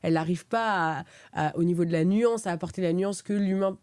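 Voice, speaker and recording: A woman's voice: lowish voice, fairly quick, a little mellow, no room sound. A woman interviewing a guest in a casual style, listening attentively and giving frequent short acknowledgements.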